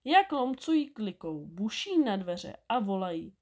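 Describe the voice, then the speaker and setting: A woman reading a bedtime story aloud, expressive and animated. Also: medium pitch.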